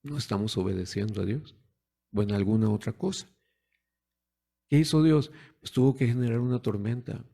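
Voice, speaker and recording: A man's voice: mid-range voice, normal speed, gravelly, pauses often, warm tone. A man preaching a sermon in a conversational way, putting rhetorical questions to the congregation and acting out the voices of parents and children.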